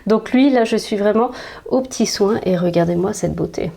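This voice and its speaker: A woman with a French accent chats enthusiastically about her houseplants, filling her talk with little hesitations. Her voice is mellow and warm, at an ordinary middle pitch for a woman. She is recorded casually at home, indoors. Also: moderate pace, gravelly. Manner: chatty, enthusiastic, frequent fillers. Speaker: plant vlogger. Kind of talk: casual chat.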